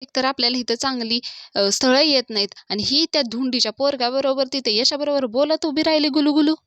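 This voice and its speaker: A woman's voice: high voice, fairly quick, fairly bright tone, no room sound. A woman voicing an angry mother who scolds her grown daughter. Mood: scolding. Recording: dull dry lo-fi recording.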